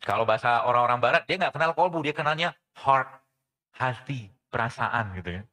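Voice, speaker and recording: Animated, questioning man preaching a sermon. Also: medium pitch, fairly quick. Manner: animated, asks the audience questions and answers them himself; mixes in English phrases. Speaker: preacher and physician giving a religious health talk. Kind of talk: lively sermon to a congregation.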